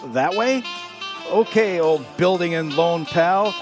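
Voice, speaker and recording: An excitable, folksy older uncle in a radio drama. He drawls slowly in a raised voice that swoops widely, bumbling along good-naturedly. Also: sits high, over loud music. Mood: tipsy, merry. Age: 50s. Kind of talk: live radio play acting.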